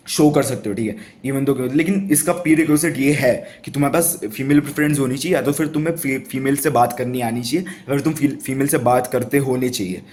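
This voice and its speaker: A young man talks straight to camera about dating, chatty and rambling. He laughs a lot, trips over his words and keeps restarting. His voice sits at an ordinary middle pitch. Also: a little mellow. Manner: rambling, laughs often, many restarts and fillers. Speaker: dating advice vlogger. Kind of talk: casual talk to camera.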